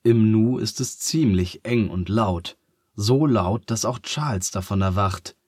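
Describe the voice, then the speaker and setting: A man tells a bedtime story in a slow, soothing way. His voice is low and breathy. The recording is close and dry. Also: darkish tone, no room sound.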